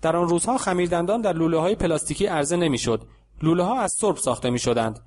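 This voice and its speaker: A male audiobook narrator whose voice sits a little higher than most men's. He reads in a calm, measured, even way. He gives the characters only light voices in the dialogue.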